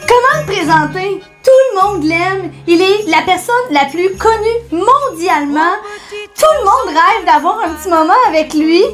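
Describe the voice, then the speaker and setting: A woman with a Quebec French accent hosting a campy parody of a local TV show, bubbly, giggly and excitable. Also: extremely high pitch, normal speed, soft background music. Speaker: TV host.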